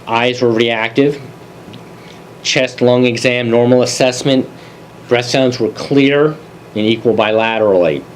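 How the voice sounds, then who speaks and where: A man presenting a continuing education review of emergency calls, relaxed and conversational with dry asides. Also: fairly low pitch, a little hiss or hum, poor audio. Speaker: EMS medical advisory presenter. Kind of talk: case review lecture.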